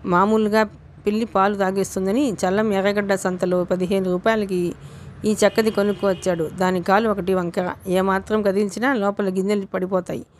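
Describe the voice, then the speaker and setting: In this audiobook, a woman narrates a novel with calm, measured storytelling. Her voice has a medium pitch, with a little hiss or hum in the background.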